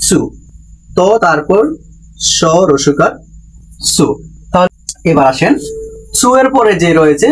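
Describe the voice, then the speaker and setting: A man's voice: sits high, slight background noise. A man teaching a class, patiently explaining each point and repeating questions back to the listener. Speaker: Japanese language teacher. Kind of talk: classroom-style lesson explanation.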